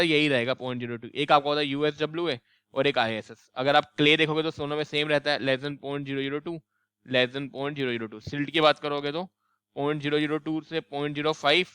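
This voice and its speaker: A young man teaching exam questions, mixing Hindi and English, reading questions slowly and then explaining quickly. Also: a little high, bright, forceful tone, clear, resonant tone, no room sound, studio quality.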